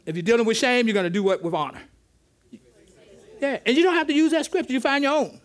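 A pastor teaches interactively in a church sanctuary, drawing answers from the congregation while stammering and repeating "okay." His voice is very high and he speaks fast.

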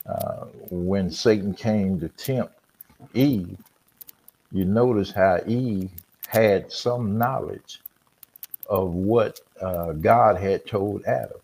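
A man's voice: sits low, steady tone, slow, creaky, a little mellow, husky. A man hosting a casual Bible discussion, teaching in a conversational way. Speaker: podcast host.

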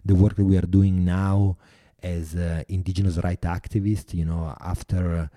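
A man with an Italian accent, a filmmaker and activist giving earnest, halting interview answers full of restarts. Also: low-pitched, flat delivery, warm tone, dry recording, studio quality. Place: New York.

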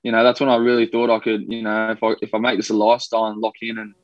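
Talking very fast in a low, monotone voice, a young rugby league player with an Australian accent rambles casually through a podcast interview, filling it with fillers. He comes from New Zealand and was raised in Australia. The audio is lo-fi with no room sound.

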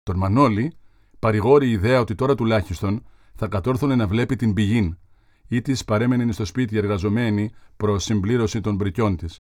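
A man narrating a literary audiobook in a measured, formal reading style. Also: lowish voice, darkish tone, no room sound, studio quality.

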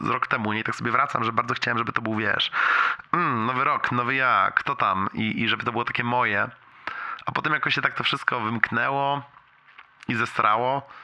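A man's voice: medium pitch, sharp tone. A young adult man leaving a casual, confiding, slangy voicemail for a friend. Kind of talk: casual rambling personal voicemail.

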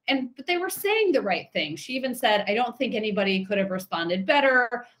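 A podcast co-host recaps a TV episode in a brisk, somewhat high voice. She's chatty and opinionated, retelling the events with lots of animation.

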